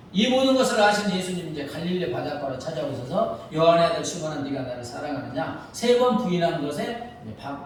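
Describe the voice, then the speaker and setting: A male pastor preaching a sermon, telling the story with lively, acted-out quotes. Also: high-pitched, heavy reverb, distant mic, slight background noise, rough recording. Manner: animated storytelling, acting out quoted lines. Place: church sanctuary.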